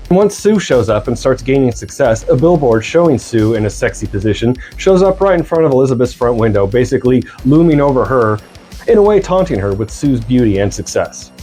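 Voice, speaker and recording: A man's voice: mid-range voice, dark tone. A man in his mid-forties giving a scripted film review with earnest enthusiasm and wry asides. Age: 40s.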